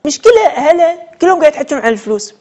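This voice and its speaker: Woman mocking and scornful, pretty high voice. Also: sing-song, rapid-fire, a little mellow, highs cut off. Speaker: social media commentator. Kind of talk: opinion rant.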